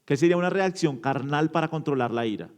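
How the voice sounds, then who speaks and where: A man preaching an interactive sermon in a church, asking the congregation questions and answering them, shifting from loud emphatic bursts to low quiet endings. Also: lively intonation, quick pace, clear, resonant tone. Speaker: pastor.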